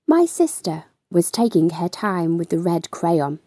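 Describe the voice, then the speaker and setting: A storytime host reads a children's book aloud in a lowish voice, slowly and with lots of animation. Her deliberate, expressive narration draws words out for emphasis over soft background music.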